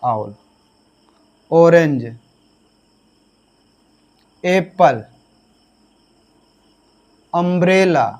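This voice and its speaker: Male grammar teacher, high voice, slow and patient, quizzes the class then answers, spells words out letter by letter. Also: animated, a little mellow. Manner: asks the class questions and answers them himself. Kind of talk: classroom lesson explaining grammar rules.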